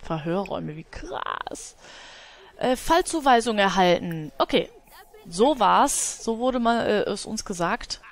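A woman's voice: medium pitch, lively intonation, slow pace. A woman giving casual let's play commentary, chatting to her game characters and laughing often.

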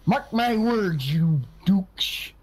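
A man playing a bumbling, indignant sheriff in game roleplay, with a husky, cracking voice. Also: high-pitched, animated, drawn-out words, heavily acted. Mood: threatening, indignant. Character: excitable, bumbling, indignant Southern male sheriff. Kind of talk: improvised online game roleplay.

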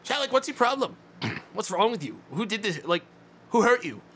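A man's voice: high voice, sing-song, normal speed, a bit bright, a little hiss or hum. A man in his twenties, a streamer chatting casually with his viewers in a mock-indignant, ranting way, swearing often. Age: 20s. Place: small dim room indoors.

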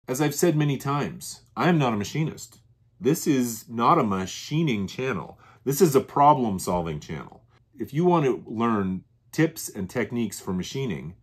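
Workshop host, male, lowish voice, steady methodical show-and-tell delivery. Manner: plain, methodical explaining with frequent restatements. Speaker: channel host. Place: workshop bench.

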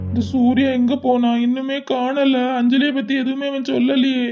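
A man plays a young cartoon lover with a Kanyakumari Tamil accent, frantic with worry and pleading softly through tears. His voice sits high for a man, and the recording is dull and lo-fi. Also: completely flat delivery, moderate pace, music in the background. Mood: suspicious. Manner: tearful, pleading, soft-spoken. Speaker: cartoon character.

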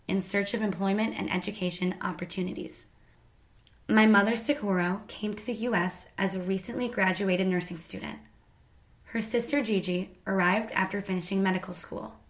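A woman in her twenties from the United States, reading her own scripted family story in a measured, careful way. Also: mid-range voice. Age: 20s. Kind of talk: scripted personal narration.

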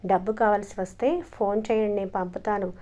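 A woman voicing an irritable young husband who speaks in a sharp, impatient, sarcastic way. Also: mid-range voice, steady tone, a little fast, lightly acted. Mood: curt.

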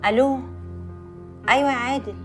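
A woman with an Egyptian accent playing the bride's calming, coaxing close friend in a film drama. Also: high voice, fairly quick, soft background music, natural voice. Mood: soothing. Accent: Egyptian Arabic. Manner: calming, coaxing, juggles two phone calls.

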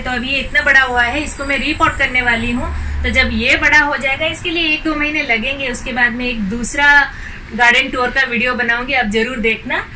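Cheerful high-voiced woman on a balcony. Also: bright, forceful tone, a little hiss or hum. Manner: cheerful, chatty, mixing in English words. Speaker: home decor vlogger. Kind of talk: casual video tour narration. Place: small apartment balcony outdoors. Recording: slightly distant camera mic, faint outdoor ambience.

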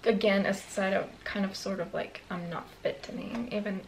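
A woman in her twenties with a Romanian accent vlogs casually to camera from a small bedroom, rambling with lots of fillers and restarts. Her medium-pitched, creaky voice keeps a fairly even intonation at a normal pace. The recording is low quality, with slight background noise.

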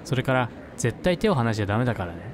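A man reading a soft-spoken schoolgirl. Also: mid-range voice, big pitch swings, racing, background noise, lightly acted. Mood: gentle. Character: young schoolgirl leading a fox-spirit ritual, soft and insistent. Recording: game music underneath.

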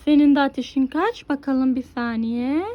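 A woman's voice: high-pitched, moderate pace, highs cut off. A mother coaxing her toddler through a pretend doctor game, giving instructions and exclaiming often.

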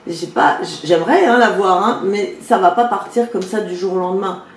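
A woman's voice: medium pitch, normal speed, echoey room, slight background noise. A woman personal development coach giving chatty spoken advice, talking straight to her viewers and acting out little anecdotes. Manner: chatty, addresses viewers directly with frequent checks; acts out quoted exchanges in lively voices.

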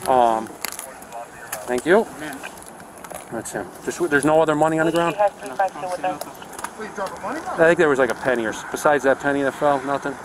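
A male police officer giving brisk short orders and recounting events casually, recorded on his body camera. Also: a little high, crowd noise. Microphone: own body camera. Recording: noisy body-camera audio.

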